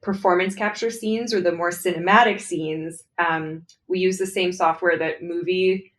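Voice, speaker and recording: A young adult woman who writes for comics and games appears as a guest in a casual interview, chatting about her work and laughing often. Her voice is fairly low and steady, at a moderate pace.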